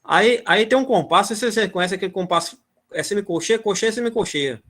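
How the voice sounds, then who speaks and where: A man's voice: high voice, fairly quick, a bit bright. A man teaching rhythm on a video call, chanting syllables and words to explain the beats. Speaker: music teacher. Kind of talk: online music lesson.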